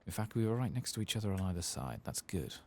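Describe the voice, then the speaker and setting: Speaking in a low voice, a man provides gentle ASMR-style video game commentary that's unhurried yet very animated, frequently dropping into a breathy whisper.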